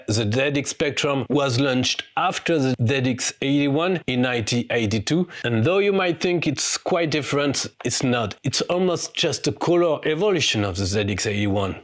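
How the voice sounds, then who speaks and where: A man from France with a French accent, speaking English as a second language, presenting a retro computer vlog with eager excitement. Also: mid-range voice. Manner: eager, excitable, non-native phrasing.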